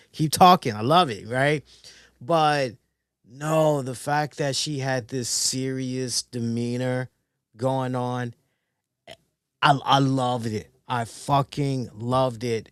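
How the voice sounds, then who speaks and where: An excitable man recaps a wrestling show in a loose, profane way. He stammers as he restarts his thoughts. His voice sits at an average pitch and sounds close and dry. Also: dry recording. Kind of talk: casual recap commentary.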